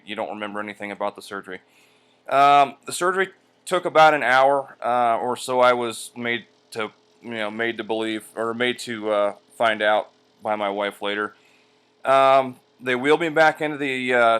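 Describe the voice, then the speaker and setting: A man talking casually in a personal vlog, halting with drawn-out hesitations, sore and medicated as he rests after surgery. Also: mid-range voice, a bit bright, smooth. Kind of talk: casual personal vlog, recounting his experience. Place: indoors at home on a couch by a window.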